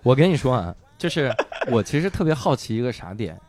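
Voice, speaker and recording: A man's voice: medium pitch, big pitch swings, a little fast, darkish tone, no room sound. A man hosting a podcast, chatting casually and asking curious follow-up questions. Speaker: host.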